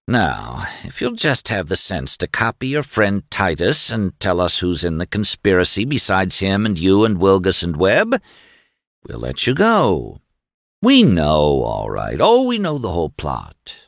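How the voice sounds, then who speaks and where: A man's voice: deep voice, wildly swooping pitch, measured pace, gravelly, no room sound, studio quality, exaggerated voice. An actor playing a cold male interrogating officer who barks short questions and then coaxes slyly, in a storybook reading. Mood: coaxing. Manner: curt, then coaxing and sly.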